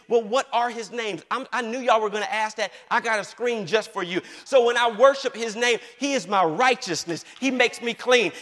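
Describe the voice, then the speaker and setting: A man's voice: sits high, fairly bright tone, in a large hall. A middle-aged male pastor preaching a sermon, folksy and humorous, who keeps asking the congregation "you got it?". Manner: call-and-response, repeating "you got it?"; folksy and humorous, acting out family conversations.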